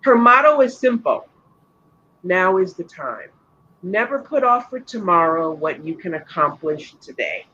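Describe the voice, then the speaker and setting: A woman's voice: on the low side, expressive, a little slow, pushed and bright. A woman podcast host introducing panelists in an upbeat, chatty way. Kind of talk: hosting a panel. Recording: dull lo-fi sound with faint noise.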